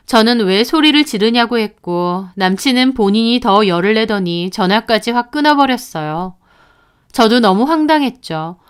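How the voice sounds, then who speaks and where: A young woman tells her own story in a confiding, conversational way. Her voice sits a bit high and sounds smooth and clear. She speaks as if talking to a friend. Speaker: narrator. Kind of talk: storytelling narration.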